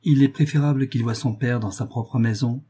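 A man's voice: mid-range voice, moderate pace, breathy edge, close to an everyday voice. A man reading a proud, commanding noblewoman. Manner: calm, firm and authoritative.

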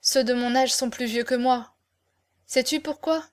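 Give me a woman reading an ardent young male lover, declaiming with passion, fairly high voice. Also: steady tone, unhurried. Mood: passionate. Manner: impassioned declamation. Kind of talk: audiobook character reading.

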